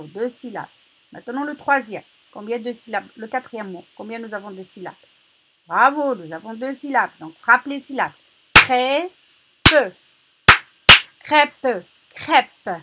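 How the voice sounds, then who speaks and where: A female teacher leading a reading lesson for children, slowly repeating words and stressing each syllable loudly. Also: on the high side, very noisy.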